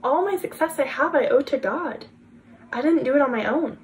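A woman's voice: high voice, animated, moderate pace, a little hiss or hum. A woman giving an earnest, chatty faith talk to her viewers, repeating phrases for emphasis and filling with "like". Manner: earnest, chatty, frequent "like" fillers; emphatic repetition. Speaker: faith vlogger.

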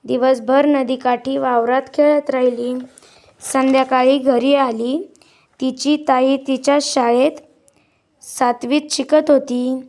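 A woman teacher reading a school textbook lesson aloud in a measured, deliberate way. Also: sits high, fairly even intonation, darkish tone.

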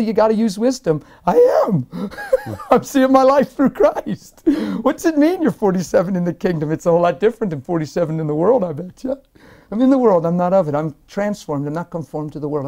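Animated man in his forties, mellow tone. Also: fairly high pitch. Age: 40s. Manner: animated and emphatic, often laughing mid-sentence. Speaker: interview guest, minister. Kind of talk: personal testimony in a sit-down interview. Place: indoor lounge-style set, seated in armchair.

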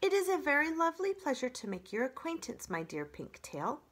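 A woman voicing a gentle, earnest female robot from a children's storybook, stiffly formal and awkwardly polite. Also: high-pitched, big pitch swings, a little slow, pitched above the performer's own voice, full character voice. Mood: stiffly friendly.

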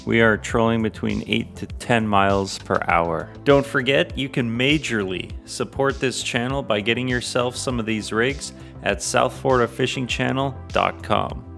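A man's voice: mid-range voice, normal speed, gravelly, hardly any pauses. A man hosting a fishing channel, giving upbeat voice-over narration with a promotional touch. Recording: voice-over with music behind.

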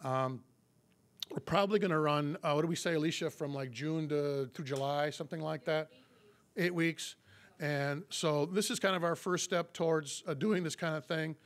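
His pitch slightly raised, a fifties-aged police chief addresses the public at a podium mic inside a meeting room. He's recovering from a cold, and his delivery is halting, with frequent fillers and false starts.

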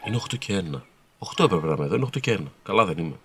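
A man's voice: low voice, animated, fairly bright tone, breathy edge. A man vlogging his workday as a video editor at a TV station, chatting casually to his camera with playful, joking asides. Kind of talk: casual vlog chat. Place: TV station, walking to the control room. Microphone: handheld camera.

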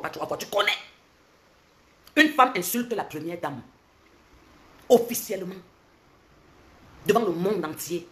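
A woman's voice: on the low side, a bit bright. Angry woman ranting. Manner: angry, confrontational, rapid-fire questions. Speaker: social media commentator. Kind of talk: heated livestream rant.

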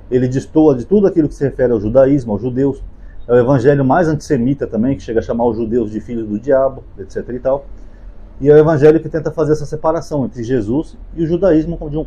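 Fast-talking Brazilian man lecturing casually. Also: medium pitch, mellow, breathy edge. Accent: Brazilian Portuguese. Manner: conversational, many fillers like "né" and "tá"; unscripted, speaking from memory. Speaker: YouTube Bible commentator. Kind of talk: casual spoken lecture on the gospels.

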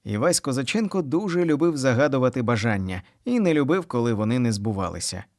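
Animated man reading a children's book. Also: medium pitch, quick pace, no room sound, clean studio sound. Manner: animated, expressive storytelling. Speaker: audiobook narrator.

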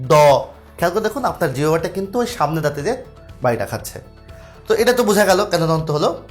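A young Bangladeshi man teaching, with a high voice that rises and falls a lot. He explains things step by step and keeps asking his students questions. Faint music plays underneath. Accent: Bangladeshi Bengali. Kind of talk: casual exam-prep lecture.

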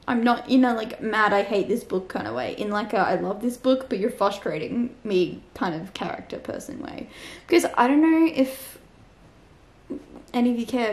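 A woman's voice: on the high side, darkish tone. A young Australian woman chatting frankly and casually about a book she is reading, swearing freely and saying "like" often. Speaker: book vlogger. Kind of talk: casual reading vlog chat. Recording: roomy echo.

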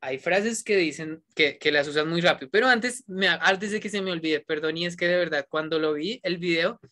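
Teacher, online class, encouraging, middle pitch, switches between Spanish and English, repeats words. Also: normal speed, bright, forceful tone. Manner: coaxing, encouraging. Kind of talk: online class talk to students.

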